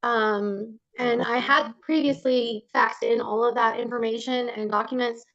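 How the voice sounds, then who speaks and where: Slightly muffled, higher-pitched woman testifying haltingly. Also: steady tone, fairly bright tone, no room sound. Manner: halting, with long pauses. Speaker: witness, parent in child support case. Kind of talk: sworn testimony, polite answers. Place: court hearing over video call. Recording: slightly dull video call audio.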